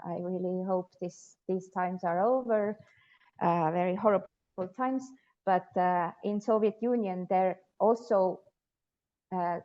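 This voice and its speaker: Woman, dull lo-fi sound. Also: mid-range voice. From Estonia. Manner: thoughtful, with frequent hesitations. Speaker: guest sociologist. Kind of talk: interview conversation.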